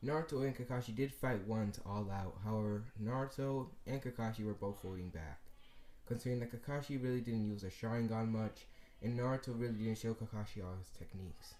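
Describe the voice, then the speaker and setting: Young man, improvised fan-fiction narration, rambling, low-pitched, roomy echo. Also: brisk, warm tone. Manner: rambling, many fillers and self-corrections. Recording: echoey room.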